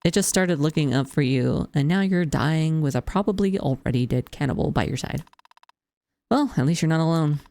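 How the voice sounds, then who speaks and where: A woman's voice: deep voice, lively intonation, normal speed, warm tone. A woman game streamer reading visual novel narration aloud and adding casual commentary.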